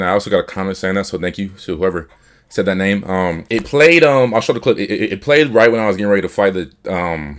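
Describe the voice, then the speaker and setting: A young man casually reviewing a game he played, talking loosely with slang, laughter and half-finished restarts. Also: sits low. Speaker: gaming YouTuber.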